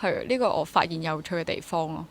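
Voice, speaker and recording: Here a freelance actor and drama teacher in her twenties, appearing as an interview guest, talks fast in a low-pitched voice. Her accent is Hong Kong Cantonese, and her casual, reflective manner has her rephrasing thoughts and mixing in English words.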